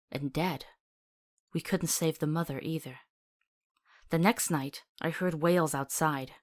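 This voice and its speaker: In a fantasy visual novel, a woman voices a compassionate but sharp-tongued companion to a monster hunter. Her voice sits low, and she sounds earnest and articulate in a somber, reflective mood.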